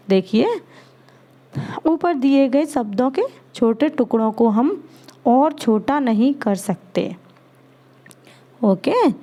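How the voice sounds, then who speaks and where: A woman teacher slowly taking young children through letters and sounds, sounding each one out patiently. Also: a little high, mellow. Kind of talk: children's Hindi lesson. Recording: dull lo-fi recording.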